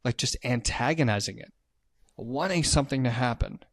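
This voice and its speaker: Excitable man retelling a scary movie. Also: medium pitch, moderate pace, dry recording, studio quality. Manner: animated retelling, acts out characters' lines, swears often. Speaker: podcast co-host recapping a movie. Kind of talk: casual podcast chat. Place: his house.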